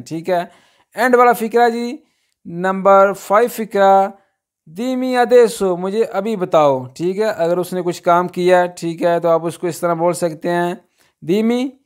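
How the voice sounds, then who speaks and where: A man teaching a spoken language lesson who repeats each phrase slowly and keeps checking in with "okay" between points, with a Pakistani Urdu accent. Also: sits high.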